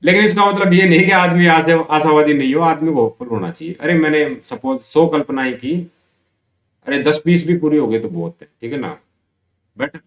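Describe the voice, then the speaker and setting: Hindi-speaking male teacher, echoey room. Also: fairly high pitch. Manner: explains slowly, asks and answers his own questions; stretches out English example sentences word by word. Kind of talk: grammar lesson for school students.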